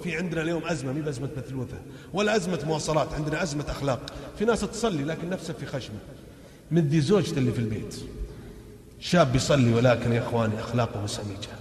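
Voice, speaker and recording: Fervent preacher in an echoey hall. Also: male voice, mid-range voice. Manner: fervent, swings from loud exhortation to hushed warning, chants verses. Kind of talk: impassioned sermon. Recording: echoey hall, long reverb.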